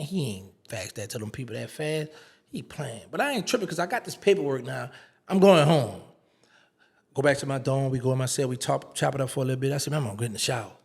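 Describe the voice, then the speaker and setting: Speaking in a gravelly mid-range voice, this male interview guest spins a relaxed anecdote with lively energy, performing each line of dialogue he quotes.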